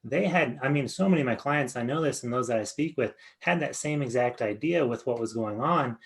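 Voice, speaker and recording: A man's voice: mid-range voice, a little fast, creaky. A man hosting a podcast interview over a video call, earnest and rambling, with many fillers. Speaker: podcast host. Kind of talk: casual interview talk.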